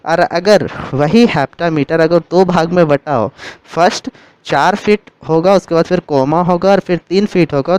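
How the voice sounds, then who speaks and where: A man gives a literature lesson, moving patiently from term to term and rephrasing each one. His voice is clear and crisp, and sits slightly high for a man. The sound is dry and close, with no room around it. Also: no room sound, low-quality recording. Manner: steady explanatory, repeats and rephrases terms. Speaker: literature teacher. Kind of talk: explaining a lesson in Hindi with English terms.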